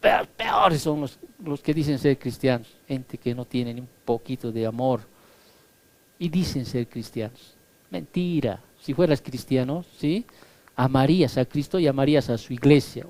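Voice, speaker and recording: A man's voice: medium pitch, moderate pace, a little mellow. A male pastor preaching a sermon emphatically, often tagging his points with rhetorical questions. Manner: emphatic, peppers lines with rhetorical "¿sí?"; acts out quoted voices.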